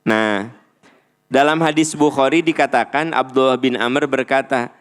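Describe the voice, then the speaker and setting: A middle-aged man with a Sundanese accent giving a playful, animated religious lecture as a preacher. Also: mid-range voice, a little slow, clear, resonant tone. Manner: animated, playful, acts out little dialogues. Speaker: Islamic preacher.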